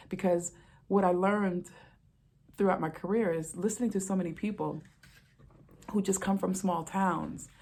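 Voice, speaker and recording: A woman's voice: on the low side, gravelly, darkish tone. A middle-aged woman, a retired police officer, telling stories in a casual monologue and repeating phrases for emphasis.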